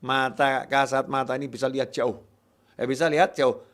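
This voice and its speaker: A man preaching a sermon in a lively way, acting out worried voices and swinging between loud outbursts and quiet asides. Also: medium pitch, moderate pace. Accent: Indonesian.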